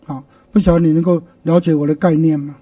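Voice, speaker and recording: A middle-aged man, preaching a sermon as a pastor and telling stories with lively rhetorical questions, recorded from a distant mic on a radio broadcast. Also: fairly high pitch, fast, breathy edge, dry recording, muffled recording.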